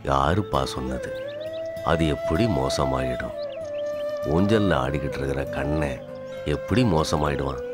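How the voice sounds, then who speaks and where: An actor playing a devout, compassionate man who speaks gently and earnestly in a film drama. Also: very deep voice.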